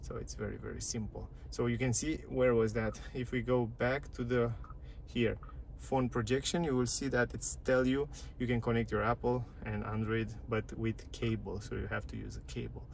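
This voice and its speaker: A man's voice: mid-range voice, flat delivery, normal speed, creaky, hardly any pauses, darkish tone, a little hiss or hum. A man casually walking through a car's dashboard and touchscreen menus, chatty and repetitive, in a parked car. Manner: chatty, repeats phrases, non-native grammar. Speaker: car reviewer. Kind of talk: casual walkthrough.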